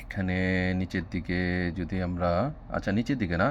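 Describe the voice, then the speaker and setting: A man's voice: low-pitched, moderate pace, dull audio, slight background noise. A man from Bangladesh teaching a math lesson online, patiently spelling out number words letter by letter.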